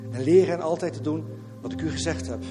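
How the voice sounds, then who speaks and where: A man with a fairly high voice preaches a sermon to his congregation, driving points home by repeating phrases and tossing in English catchphrases. His voice rings out through a reverberant church hall. Faint music plays quietly beneath him. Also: a little fast. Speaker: pastor.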